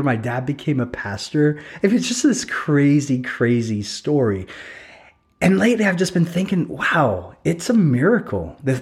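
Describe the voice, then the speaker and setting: A man's voice: mid-range voice, a little mellow. Earnest man preaching in repeated phrases. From England. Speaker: pastor. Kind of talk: sermon.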